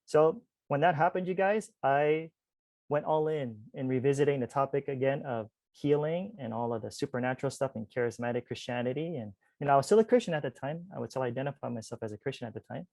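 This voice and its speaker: A man's voice: medium pitch, fast, vocal fry, no room sound. A man of forty telling a personal story as a podcast guest in a casual, chatty way, with frequent asides to listeners. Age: 40s. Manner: chatty, animated, many "like" and "you guys" asides. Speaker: podcast guest, spiritual teacher.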